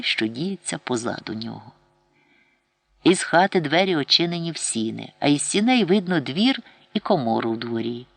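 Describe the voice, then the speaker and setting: A man narrating a literary audiobook in a measured, expressive storytelling manner. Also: medium pitch, vocal fry, no echo.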